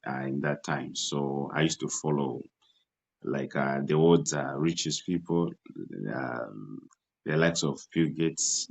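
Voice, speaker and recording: A young man from Malawi speaks in an extremely low, rumbling voice. He answers interview questions haltingly and fills his pauses with many uhs and ums. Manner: halting, many fillers and restarts. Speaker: entrepreneur guest.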